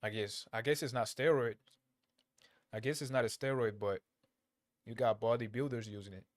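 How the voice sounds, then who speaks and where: Offering blunt, slangy, halting commentary that's casual and unscripted, this reaction video creator often repeats himself. He's an Angolan-born man who grew up in Portugal and speaks Portuguese natively, with a medium pitch and steady tone in clean studio sound with no room noise.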